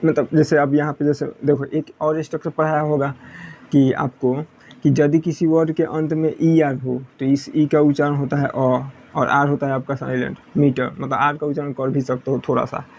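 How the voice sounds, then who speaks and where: A man's voice: on the high side, flat delivery, normal speed, darkish tone, lo-fi sound. A man teaching English pronunciation in a classroom style, repeating points and asking questions he answers himself. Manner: repetitive, asks students questions then answers.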